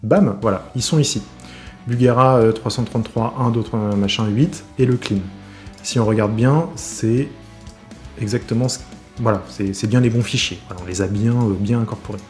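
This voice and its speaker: A man's voice: on the low side, normal speed. A man hosting a casual guitar tutorial, chatty and full of fillers and self-corrections. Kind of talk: casual screen-recorded tutorial.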